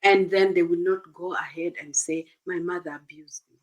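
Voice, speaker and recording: A woman's voice: lowish voice, fairly even intonation, normal speed, dull audio. Earnest Ugandan-born woman giving parenting advice. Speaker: guest. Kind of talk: conversational interview.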